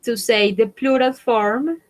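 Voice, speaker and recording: Una profesora de inglés hispanohablante que da una clase en línea. Repite cada palabra con calma, pasando del inglés al español. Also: female voice, on the high side, poor audio. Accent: Spanish-speaking, Latin American. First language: Spanish. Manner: slow, drawn-out word drilling, repeating each word. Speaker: English teacher. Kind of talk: online language lesson.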